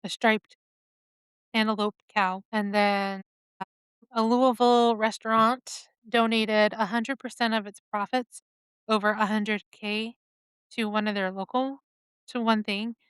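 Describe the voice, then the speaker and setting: A woman co-hosting a casual podcast, reading out news stories in a halting way with pauses and fillers. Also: medium pitch, steady tone, fairly bright tone, clean tone, no echo. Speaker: podcast co-host.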